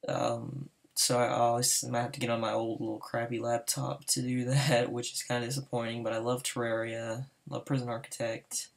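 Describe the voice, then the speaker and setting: Applying to a server, a fifteen-year-old Southern US teen gives casual voice-over commentary on his gameplay, sounding nervous and hesitant throughout. The male voice is medium-pitched and flat with vocal fry, moving at normal speed with hardly any pauses.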